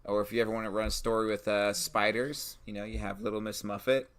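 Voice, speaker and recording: A man co-hosting a podcast in casual chat, upbeat and encouraging as he pitches ideas. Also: level tone, fast talker, a bit bright, clean tone. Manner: upbeat and encouraging, recites rhymes. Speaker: podcast co-host.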